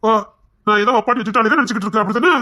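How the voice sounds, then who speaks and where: A woman's voice: fairly high pitch, rapid-fire, bright, forceful tone. A woman voicing an angry, dismissive husband in a Tamil audio drama, curt and threatening.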